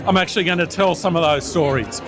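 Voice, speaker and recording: A man's voice: fairly high pitch, quick pace. A man speaking as a senator in an event interview, enthusiastic and restarting his sentences. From Australia. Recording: event with music and crowd chatter.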